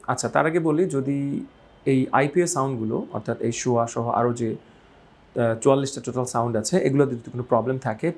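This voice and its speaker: A man teaching English pronunciation to learners at a middle pitch. He walks through each point step by step and asks the viewers questions. He says example words several times, slowly and carefully. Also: darkish tone, a little hiss or hum. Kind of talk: spoken language lesson.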